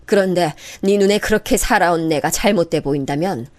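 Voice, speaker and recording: A woman voicing a gentle, dignified elderly mother-in-law who speaks slowly and softly in a radio story drama. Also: fairly low pitch, natural voice. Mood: grave. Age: older. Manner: slow, soft, measured.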